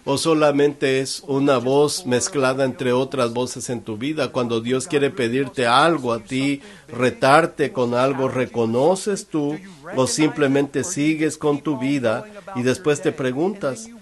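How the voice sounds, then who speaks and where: A man's voice: medium pitch, fairly even intonation, slow pace. Man preaching a translated sermon. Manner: earnest preaching delivery with repeated questions. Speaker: church interpreter.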